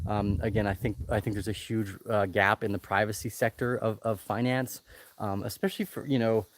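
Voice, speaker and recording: Thirties male host, casual livestream Q&A, halting delivery with many fillers, mid-pitched, recorded outdoors on a laptop mic. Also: a little mellow. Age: 30s. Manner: loose, hesitant, many ums and restarts. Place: outdoors in the jungle.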